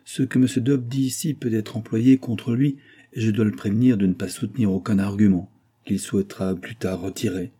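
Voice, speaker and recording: A man reading the part of a male London police agent, speaking in a measured, authoritative manner. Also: fairly low pitch, steady tone, dark tone, slightly rough. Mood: calm, authoritative.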